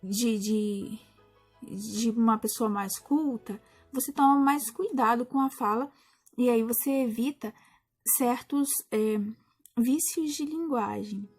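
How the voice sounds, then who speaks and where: A Brazilian woman teacher explaining a lesson to primary school pupils in a patient way, often pausing and restarting. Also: on the high side, darkish tone, soft background music. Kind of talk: recorded class explanation.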